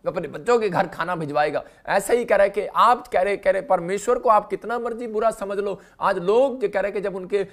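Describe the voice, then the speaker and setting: A male pastor preaching a live morning prayer sermon, repeating his refrains and swinging between loud calls and low murmurs. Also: fairly quick, hardly any pauses.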